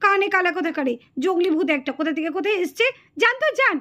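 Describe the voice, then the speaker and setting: A woman voicing Rani, a shrill quarrelsome young aunt. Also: animated, racing, pushed and bright, heavily acted. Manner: scolding, quarrelsome. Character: hot-tempered young village woman, aunt. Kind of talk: puppet cartoon voice acting.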